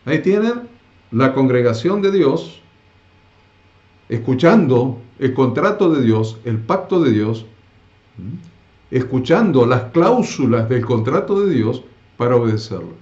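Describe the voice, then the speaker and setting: A man's voice: mid-range voice, very animated, a little slow, darkish tone. Emphatic man teaching Bible class. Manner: emphatic, repeats key phrases, asks rhetorical questions. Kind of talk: live Bible class lecture. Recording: roomy, dull lo-fi classroom sound.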